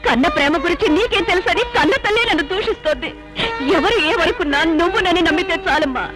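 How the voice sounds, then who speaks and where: An actress playing a proud, unmarried elder sister who acts as a village matriarch and speaks sternly and accusingly, then pleads tearfully to a goddess. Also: female voice, very high-pitched, animated, quick pace, low-quality recording. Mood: tearful prayer. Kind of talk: melodramatic film acting. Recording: film soundtrack with loud music.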